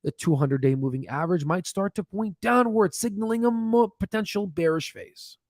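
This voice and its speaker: This stock livestream comes from a man in his thirties speaking at normal speed, slightly hoarse, right up against a boom-mounted podcast mic in his indoor home studio. There's no echo. His manner is animated and emphatic; he repeats phrases and occasionally lowers his voice to a whisper.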